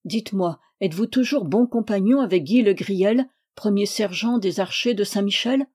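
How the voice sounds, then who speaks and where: Casting: woman voicing a curt young man-at-arms, mellow and measured. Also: medium pitch, slightly rough, close to an everyday voice. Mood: guarded.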